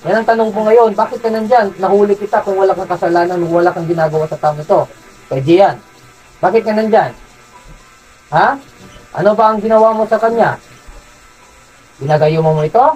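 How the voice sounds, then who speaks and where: A faith healer from Zamboanga City, a man who interrogates a spirit with insistent, repeated questions and sharp commands. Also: high voice, a little fast, long pauses, breathy edge, poor audio. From Zamboanga City, Philippines. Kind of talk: healing session, interrogating a spirit.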